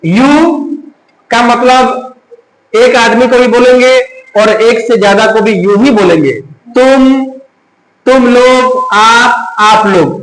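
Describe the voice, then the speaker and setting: A male teacher with a very high voice quizzes his class on grammar, repeating each answer back to them. His voice rings around an echoey classroom, with a faint hum of room noise behind it. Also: slow pace, fairly bright tone. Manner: mixes Hindi with English terms. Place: classroom with students.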